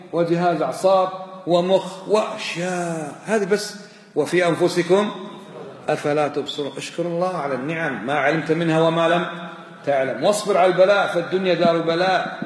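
A man gives a religious lesson at a quick clip, lively and emphatic, and chants the verses he quotes. His voice sits a little high for a man. It rings through a roomy hall with a long echo trailing behind. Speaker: religious teacher. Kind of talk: religious lesson explaining a text. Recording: echoey hall with long reverb.

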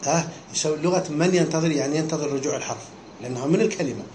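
A man's voice: fairly high pitch, rapid-fire, darkish tone. Teacher quizzing his students. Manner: keeps checking understanding with short questions. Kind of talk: classroom lesson explaining a text. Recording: echoey room with faint background hum.

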